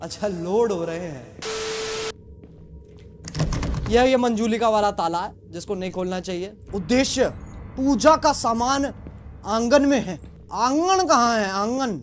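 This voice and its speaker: High-voiced man yelling through a horror game. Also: normal speed, a little hiss or hum. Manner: panicky yelling and crude joking. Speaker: gaming streamer. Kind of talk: horror gameplay commentary.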